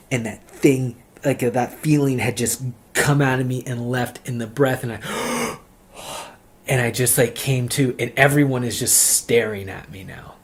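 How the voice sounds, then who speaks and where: A man with a lowish voice recounts his conversion testimony at a very slow, deliberate pace. He speaks earnestly and haltingly, circling back on phrases and leaning on "like" as he searches for words. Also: slight background noise. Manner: earnest, halting, with frequent "like" fillers and repeated phrases. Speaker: speaker giving a religious testimony.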